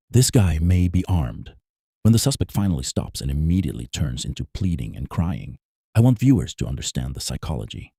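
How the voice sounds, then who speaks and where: A man with a very deep, dark voice walks through police procedure in a measured, emphatic voice-over. The sound is close and completely dry. He stresses key points plainly and firmly. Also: creaky, husky, no room sound. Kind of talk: scripted analytical narration.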